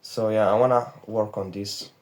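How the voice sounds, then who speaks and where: Here a young Romanian trading vlogger, 18 and Romanian-accented, talks in a lowish voice with fairly even intonation at a moderate pace. Filmed in his bedroom on a phone's back camera, the vlog is confessional, rambling, candid and full of swearing.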